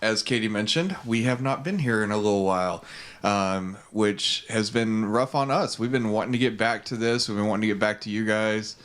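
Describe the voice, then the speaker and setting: A man from Texas co-hosting a podcast and chatting casually in a relaxed, rambling way with plenty of fillers. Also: on the low side, moderate pace. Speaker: podcast co-host. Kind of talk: casual chat. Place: home studio.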